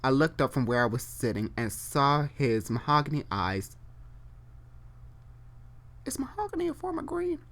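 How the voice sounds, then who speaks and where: Reading fan fiction live, this online storyteller has a medium-pitched voice that is very animated and a bit bright. They stumble, repeat and fix phrases as they go, and stop now and then for casual chatter.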